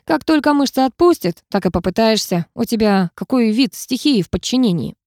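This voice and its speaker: A woman's voice: fairly high pitch, lively intonation, brisk, darkish tone, no room sound, clean studio sound. A woman voicing a cocky, teasing young male student mage in an audiobook, smug and self-assured. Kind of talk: audiobook character voice.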